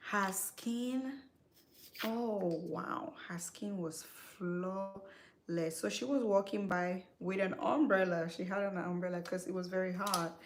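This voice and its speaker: Speaking slowly at a medium pitch, with a faint hiss or hum in the recording, a young skincare vlogger from Cameroon talks to her audience as she applies makeup. Her casual chatter is full of fillers, repetitions and corrections.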